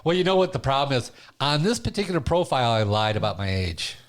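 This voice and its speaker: A man's voice: medium pitch, big pitch swings, fast talker. A man in his sixties hosting a casual conversation, telling self-deprecating stories and laughing easily. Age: 60s. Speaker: podcast host.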